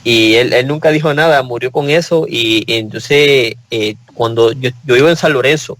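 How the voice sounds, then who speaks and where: A man's voice: medium pitch, moderate pace, a bit bright, poor audio. A man with a Puerto Rican accent, speaking as a guest in a casual panel discussion and telling personal stories earnestly. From Puerto Rico.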